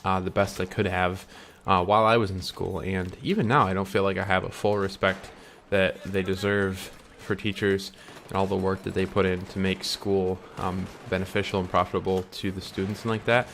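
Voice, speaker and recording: A man's voice: sits low, flat delivery, normal speed, few pauses, a bit bright, slight background noise. A young man talking to camera in a casual, rambling way, full of ums and restarts, earnest about following his dreams. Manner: chewing candy while talking. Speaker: vlogger. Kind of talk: casual reflective monologue.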